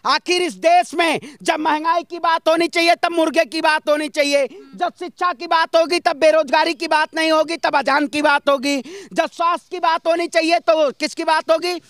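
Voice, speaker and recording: A man from northern India delivers political opinions in an impassioned, rhetorical street-speech style, emphatic and fond of repetition. His very high-pitched, slightly bright voice holds a steady tone at normal speed with few pauses, in a dry recording.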